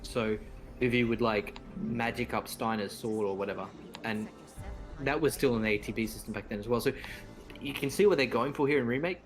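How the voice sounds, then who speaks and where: A man co-hosting a gaming livestream, relaxed and explanatory, with hesitant pauses. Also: mid-range voice, poor audio. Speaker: co-host and coach. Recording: game music behind.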